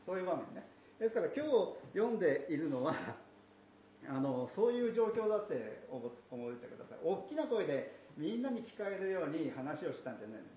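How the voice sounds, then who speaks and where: A man teaching from the Bible in a conversational way, slipping in playful asides and soft laughs. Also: fairly high pitch, sing-song, fairly quick. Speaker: pastor. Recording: roomy echo, faint background noise.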